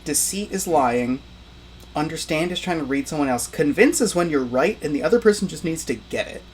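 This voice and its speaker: A man's voice: a little high, animated, brisk, a little hiss or hum. A man running a tabletop role-playing game as game master, describing scenes in a casual, chatty way. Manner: casual, chatty, lots of fillers.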